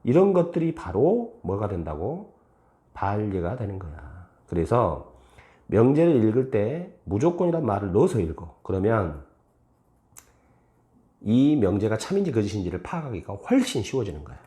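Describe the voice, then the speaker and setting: Lively low-voiced male math teacher. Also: moderate pace. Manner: lively, asks and answers his own questions, acts out student replies. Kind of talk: classroom lecture.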